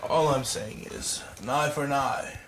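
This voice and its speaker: A man playing a tabletop game, speaking in a halting, thoughtful way. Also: mid-range voice, roomy sound, recorded from a distance, crowd noise. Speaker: player. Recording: noisy recording.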